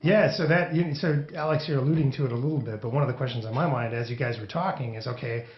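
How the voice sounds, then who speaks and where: A man's voice: medium pitch, fast talker. A man hosting a podcast interview in casual chat, rambling with many restarts. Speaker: podcast host. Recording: echoey room, dull lo-fi sound.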